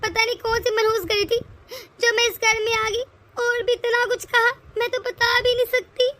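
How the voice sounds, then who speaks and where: A woman's voice: extremely high pitch, flat delivery, normal speed, bright, forceful tone. A woman voicing a scheming, vengeful middle-aged mother-in-law in a cartoon, with taunting, spiteful muttering. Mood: whiny.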